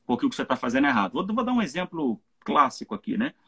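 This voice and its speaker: Teaching the Bible informally on a live stream, this Brazilian pastor speaks in rapid-fire bursts with big pitch swings. His mid-range voice is fairly bright and slightly rough, with a Brazilian Portuguese accent, and he often checks in with his audience using tag questions.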